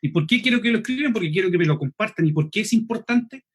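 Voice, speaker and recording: Fast-talking Chilean man teaching preaching. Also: high-pitched, lively intonation, slightly rough. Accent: Chilean Spanish. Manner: quick, clipped speech, swallows final S, frequent "¿cierto?" checks. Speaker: preaching instructor. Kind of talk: online seminar lesson.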